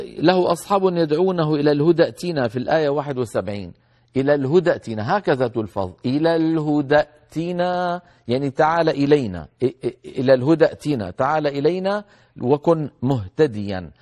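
A man teaching Quran recitation rules, explaining carefully and slowly stretching out words to demonstrate their pronunciation. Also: a little high, a little mellow. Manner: addresses listeners as brothers. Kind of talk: tajweed lesson with recited examples.

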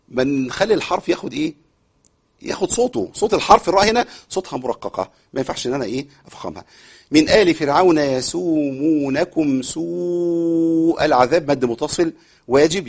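A man with an Egyptian accent teaching Quran recitation on air. He recites verses slowly, then explains them quickly, and repeats sounds to show how they are said. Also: a little high, breathy edge. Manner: repeats sounds to demonstrate pronunciation. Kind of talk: broadcast recitation lesson with callers.

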